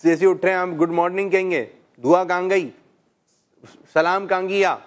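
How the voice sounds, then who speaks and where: Middle-aged guy hosting a kids call-in show, gentle teacher vibe, slightly high voice. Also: steady tone. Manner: gentle, coaxing questions, frequent "mashallah". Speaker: children's show host.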